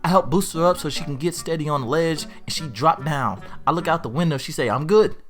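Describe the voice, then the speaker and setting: A man telling a funny online story aloud in a casual, animated way, getting higher and louder at the wild parts. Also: brisk. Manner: lively, swings from low to high and loud when excited. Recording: faint music behind.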